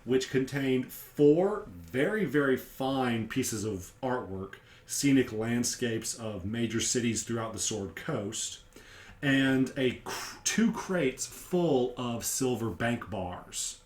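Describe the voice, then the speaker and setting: A man's voice: medium pitch, expressive, slow. A man giving a casual recap of a tabletop game session as game master, explaining events step by step in an echoey room.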